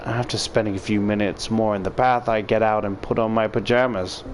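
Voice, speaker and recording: Loud music plays behind this male YouTuber as he dramatically voices a first-person visual novel story. He speaks briskly, in a lowish, steady voice, with expressive delivery.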